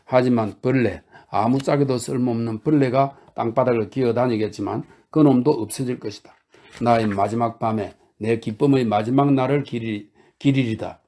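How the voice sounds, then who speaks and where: A man's voice: mid-range voice, normal speed, mellow, natural voice. A man doing an overwrought, declaiming young man. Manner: exclamatory, declaiming, breathless. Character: reckless, overwrought young man making wild speeches. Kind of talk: audiobook character reading.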